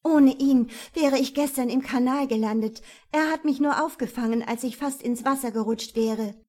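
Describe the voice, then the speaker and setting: A woman's voice: high-pitched, normal speed, a little mellow, voice pushed up. A woman voicing a frightened, pleading young woman. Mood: desperate. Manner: pleading, breathless and strained.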